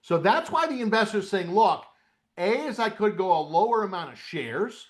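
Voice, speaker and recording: A man's voice: high voice, moderate pace. A middle-aged man coaching a live webcast lesson on options trading, chatty with folksy asides. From upstate New York, US. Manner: chatty, lively, folksy asides while walking through a trading screen.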